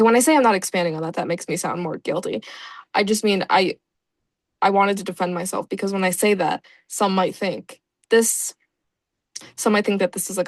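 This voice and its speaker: A woman's voice: mid-range voice, no echo. A young woman giving casual let's-play commentary, chatty and reacting aloud with laughs and groans. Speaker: gaming YouTuber.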